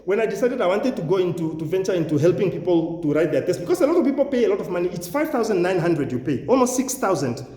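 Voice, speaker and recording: A man's voice: high voice, very animated, fast talker, hardly any pauses, mellow. A man with a Namibian accent giving an informal promotional talk to viewers as a channel host, self-assured and boastful, repeating phrases for emphasis. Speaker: YouTube channel host, education agent and English test coach. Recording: echoey, reverberant room.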